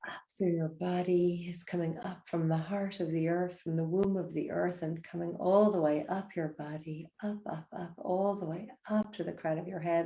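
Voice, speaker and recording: A woman with a low, slightly gravelly voice guides listeners through a breathing meditation. She speaks softly and unhurriedly, her tone warm and mellow as she offers gentle invitations. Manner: soft, slow and soothing, gentle invitations.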